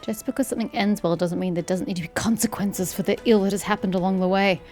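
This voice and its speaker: A chatty woman with a mid-pitched voice gives casual gameplay commentary. She is sarcastic and informal, with faint game music behind her. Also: fairly even intonation, fast talker, darkish tone. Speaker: gamer commentator.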